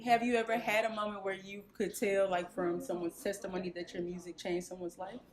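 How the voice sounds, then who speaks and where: A woman's voice: medium pitch, level tone, fairly quick. Chatty woman interviewer at a crowded event. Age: 30s. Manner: chatty, many fillers and likes. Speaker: interviewer and blogger. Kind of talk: casual interview. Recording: noisy live event with crowd. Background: loud crowd.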